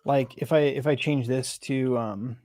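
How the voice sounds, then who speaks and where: A software developer, a man, thinking aloud while debugging code, halting and self-questioning with many restarts. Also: medium pitch, steady tone, dry recording, studio quality.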